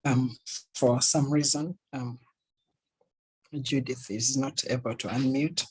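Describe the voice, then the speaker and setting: Hesitant husky male moderator. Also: mid-range voice, steady tone, takes it slowly, a little mellow, low-quality recording. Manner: hesitant, many fillers. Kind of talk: moderating an online panel.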